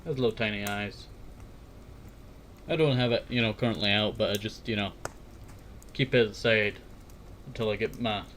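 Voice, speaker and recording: In a noticeably noisy recording, a man with a lowish voice rambles through a casual chat. He hosts a fireside talk series, meanders, repeats words and tag phrases, and reads some parts aloud.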